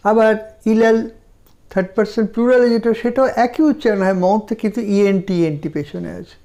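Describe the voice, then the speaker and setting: Bengali-accented guy teaching verbs, drags it out slow, repeats forms for you to say back, soft dark voice. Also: sits high. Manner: slow, deliberate drilling of verb forms for repetition. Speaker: language teacher. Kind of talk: slow spoken language lesson.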